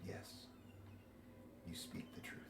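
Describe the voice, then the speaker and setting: A man's voice: far from the mic, close to an everyday voice. Ancient talking tree, played by a man, grave and portentous, for a fantasy tabletop game; roomy sound with noise. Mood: grave, solemn. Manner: slow, solemn, portentous. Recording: roomy echo, noisy background ambience.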